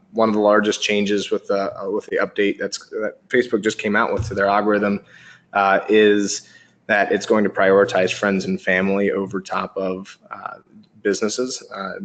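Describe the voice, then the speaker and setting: Low flat-voiced man giving a webinar. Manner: steady explaining with many ums and uhs. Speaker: company presenter. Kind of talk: webinar presentation.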